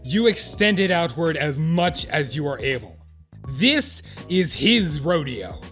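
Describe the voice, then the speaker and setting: Unhurried and filled with solemn, hushed awe, this man narrates in the second person for a comic audio drama about an awkward would-be friend. As an earnest, excitable storyteller, he uses a fairly high voice with wide pitch swings, theatrical mock gravity, and comic profanity. Soft background music runs beneath the scripted lines.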